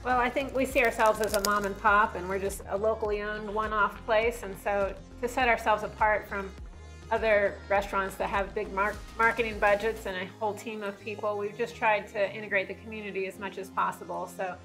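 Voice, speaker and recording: A woman's voice: mid-range voice, fairly even intonation, brisk, fairly bright tone, poor audio. Chatty woman owner with faint music. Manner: friendly, chatty, laughs easily. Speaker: restaurant owner. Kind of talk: casual interview. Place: brick-walled restaurant booth, indoors. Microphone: lapel mic.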